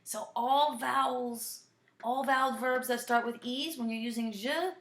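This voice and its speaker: A woman French teacher explaining verbs in English and French, slowly modeling pronunciation with playful asides. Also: on the high side, steady tone, fairly bright tone, roomy sound. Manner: slow, drawn-out model pronunciation. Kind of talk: bilingual French lesson.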